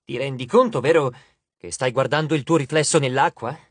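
A man's voice: medium pitch, fairly quick, slightly rough, no echo, natural voice. A man voicing a cheeky teenage boy, speaking sarcastically as he bargains. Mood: wry.

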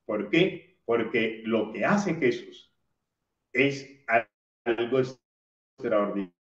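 A man, a priest, reading the day's gospel and preaching a homily in a slow, measured way. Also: medium pitch, expressive, fairly bright tone. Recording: roomy, distant, dull lo-fi sound.

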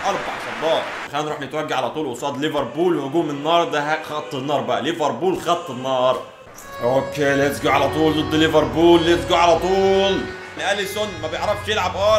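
A young man with an Egyptian accent, commentating his own football video game match and shouting and pleading at the play. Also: high-pitched. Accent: Egyptian Arabic. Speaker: gaming YouTuber. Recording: echoey room with game music.

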